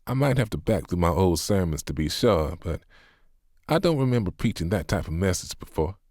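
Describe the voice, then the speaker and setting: This is a seasoned pastor, patient and compassionate, who steers a hurting friend with firm words and wry, teasing questions, voiced by a man. His voice sits a touch higher than the narrator's and is recorded close and dry. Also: big pitch swings, fairly quick, a little mellow, no room sound. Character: patient older male pastor, gently sarcastic.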